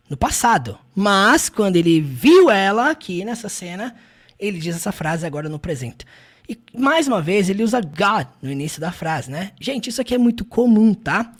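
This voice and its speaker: Brief: Brazilian English teacher, swoops up and down, drawn-out model phrases. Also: mid-range voice, breathy edge. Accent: Brazilian Portuguese. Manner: animated, repeats phrases slowly, many tag questions. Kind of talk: language lesson explaining film clips.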